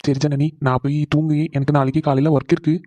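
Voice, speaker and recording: A man voicing a caring husband in a cartoon, talking quickly and reassuringly. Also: fairly high pitch, little pitch movement, dark tone, dry recording, lightly acted. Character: caring husband on the phone with his wife. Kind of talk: animated cartoon voice acting.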